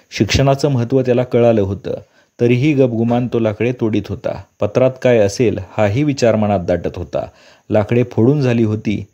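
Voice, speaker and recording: Low-voiced male storyteller, lo-fi. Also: dark tone. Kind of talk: story read-aloud narration. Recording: dull lo-fi recording.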